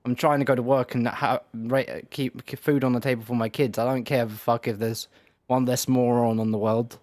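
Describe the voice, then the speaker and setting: A man's voice: medium pitch, flat delivery, moderate pace, darkish tone, no room sound, studio quality, close to an everyday voice. A man voicing an irate male commuter who swears bluntly. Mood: fed up. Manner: swearing, exasperated.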